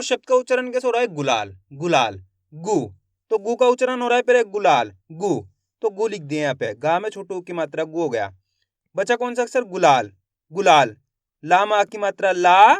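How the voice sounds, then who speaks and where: A man's voice: sits high, no echo. A young man teaching children to spell words, breaking each one into syllables and repeating it patiently. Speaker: Hindi writing teacher.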